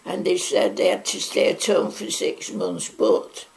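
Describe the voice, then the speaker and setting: A woman's voice: fairly low pitch, very animated, measured pace, gravelly, a little mellow. A woman in her nineties with a Mancunian accent, chatting her way through wartime memories in an oral history interview at home, with plenty of asides. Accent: Mancunian English. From Manchester, England. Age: 90s. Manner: chatty, rambling reminiscence with frequent asides. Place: living room at home.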